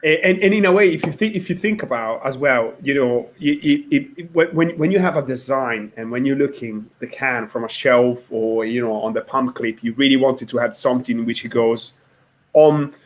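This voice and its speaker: Man, podcast interviewer, mid-pitched, halting and repetitive questions. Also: a little hiss or hum. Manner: searching for words, repeats himself. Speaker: podcast host.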